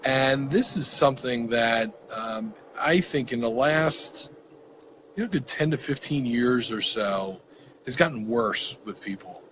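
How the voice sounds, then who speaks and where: A middle-aged man hosting a casual vlog chat in a voice of middle pitch. He talks hesitantly and leans on fillers, with a teasing edge. A faint noise sits behind the recording. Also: unhurried, a bit bright, rough recording. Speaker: host. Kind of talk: casual conversation.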